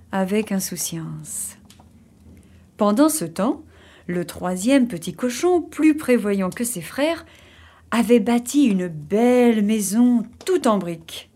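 A woman reading a children's fairy tale aloud in a gentle storybook manner. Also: a little high. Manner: slow, gentle storybook narration.

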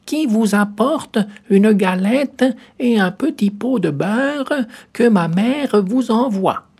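A man voicing a wolf who fakes a sweet old grandmother's voice in a fairy tale, in a drawn-out syrupy falsetto. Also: lively intonation, creaky, darkish tone, breathy edge, exaggerated voice. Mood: coaxing.

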